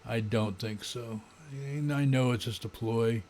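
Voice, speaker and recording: An older American man in his seventies giving an unscripted, sardonic, grumbling rant in a halting way, often clearing his throat. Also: mid-range voice, a little mellow, a little hiss or hum. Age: older, around 70s. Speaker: political vlogger. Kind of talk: unscripted political rant to camera. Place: small home room, indoors. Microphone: desk condenser microphone.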